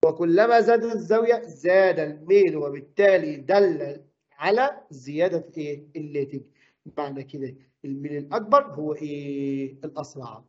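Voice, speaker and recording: A man with an Egyptian Arabic accent teaching a physics lesson, quizzing the class with quick questions. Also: a little high, darkish tone, lo-fi sound.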